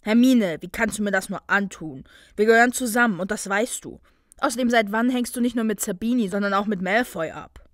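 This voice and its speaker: A woman voicing a hot-headed, jealous young male wizard student who snaps loudly. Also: mid-range voice, fairly quick, dry recording, studio quality, natural voice. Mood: angry. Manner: loud, snapping, aggrieved.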